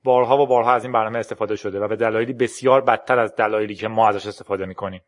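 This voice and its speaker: A man reading a storybook's lines for a tense young woman programmer who urges a friend to flee, in an urgent, hurried manner. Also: on the low side, steady tone, close to an everyday voice.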